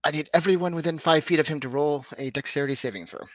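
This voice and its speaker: A man narrating as game master of a tabletop game, amused and lively. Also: fairly high pitch, quick pace, no room sound.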